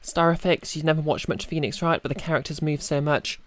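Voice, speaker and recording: A woman's voice: deep voice, brisk. A woman, chatting casually as she streams a game. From United Kingdom. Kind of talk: casual livestream chat. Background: music.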